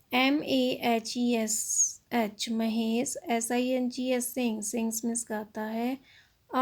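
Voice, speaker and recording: A woman's voice: a little high, a little mellow. A woman teacher with an Indian accent, spelling English words out letter by letter and explaining them in Hindi.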